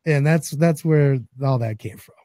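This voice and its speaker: Joking and blunt with his curses, a man in his forties co-hosts a laid-back talk show as his recovering voice cracks at times. The pitch leans high, yet the tone is dark and the pace unhurried. It's a studio-quality recording without room sound.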